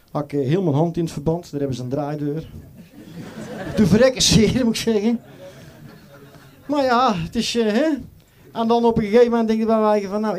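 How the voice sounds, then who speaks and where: A man's voice: high-pitched, darkish tone. A middle-aged man with a Brabant accent doing a carnival stand-up act in character as a doorman, chatty and joking with lots of fillers. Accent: Brabant Dutch. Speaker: carnival comedian.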